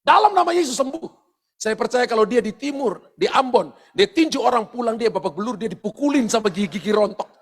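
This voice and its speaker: A man with a strikingly high voice preaches a sermon as pastor. He talks straight to the congregation and acts out stories with big, loud exclamations. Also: a little fast, hardly any pauses. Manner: animated storytelling with loud exclamations; addresses the congregation directly and often. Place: church service.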